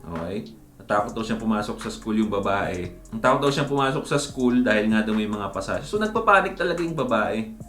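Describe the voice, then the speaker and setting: A man's voice: on the low side, expressive, brisk, a bit bright. A man talking casually as a dating-advice vlogger, chatty and mixing English into his speech, often ending lines with tag questions and calling the listener buddy. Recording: roomy echo with faint background music.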